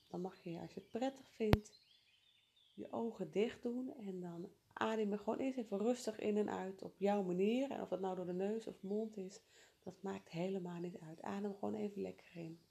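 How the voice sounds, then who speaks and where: A woman leading a guided breathing exercise in a calm, soothing, unhurried way. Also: medium pitch, creaky.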